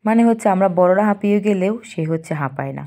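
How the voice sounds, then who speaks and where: A young woman, hoarse from a cold, narrating a family vlog in a casual, rambling way with a constant filler word. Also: mid-range voice, expressive, racing, mellow. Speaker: mother and family vlogger.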